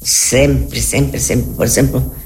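Over slight background noise, a very deep, darkish female voice speaks slowly with fairly even intonation. She's an elderly native Spanish speaker from Argentina with an Argentine accent, reminiscing in an interview while repeating words and checking for agreement.

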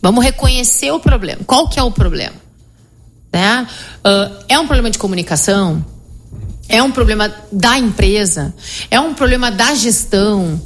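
A middle-aged woman psychologist, explaining her method in an animated conversational interview, often tagging her sentences with "né?". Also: medium pitch, moderate pace. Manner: explanatory, animated, frequent "né?" tag questions.

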